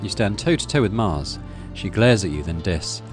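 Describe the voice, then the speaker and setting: A middle-aged man hosts a gaming video, reading story text aloud and tossing in casual commentary over game music. His voice sits low and is expressive, at a moderate pace.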